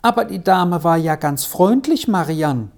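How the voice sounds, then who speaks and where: A storybook reader voicing Sally, a lively young schoolgirl who talks quickly and eagerly. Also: mid-range voice, voice pushed up.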